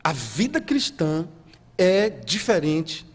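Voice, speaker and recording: A Brazilian man, a guest pastor preaching a sermon in a church, swinging from soft and low to loud and high. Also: very animated, slow, slightly rough, in a large hall. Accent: Brazilian Portuguese. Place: church hall.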